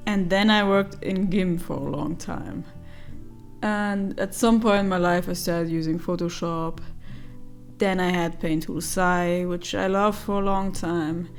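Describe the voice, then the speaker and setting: A young woman with a hoarse, gravelly voice after karaoke, chatting casually as an artist vlogger over her speed painting. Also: lowish voice, fairly even intonation, a little slow. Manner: chatty, with fillers and soft laughs. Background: faint music.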